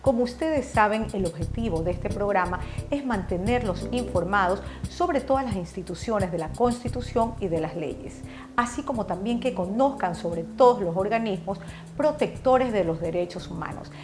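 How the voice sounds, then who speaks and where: A female presenter reads formal programme links. Her voice is mid-pitched, with faint music underneath. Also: animated, moderate pace. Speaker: programme host.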